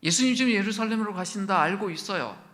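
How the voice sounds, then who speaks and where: A male pastor preaches a sermon in a high-pitched, fairly bright voice, talking fast with lively intonation. He peppers his congregation with questions, acts out quoted lines, and sometimes sinks to a whisper. The church sanctuary gives the recording a hall-like reverb.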